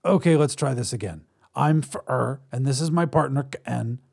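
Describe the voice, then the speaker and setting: A man voicing an impatient, fast-talking male alien who explains a rescue in a brisk, salesman-like way. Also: medium pitch, gravelly, a little mellow, breathy edge. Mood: brisk, explaining.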